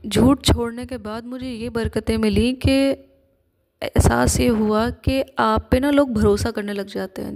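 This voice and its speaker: A woman's voice: on the high side, gravelly, darkish tone. A woman giving an earnest religious talk, sharing her personal testimony. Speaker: religious speaker.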